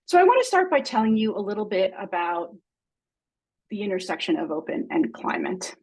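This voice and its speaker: Woman from Mexico, webinar host on a video call; hits stressed words high, trails off quietly. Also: sing-song, a little fast, slightly rough, poor audio. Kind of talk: hosting an online webinar.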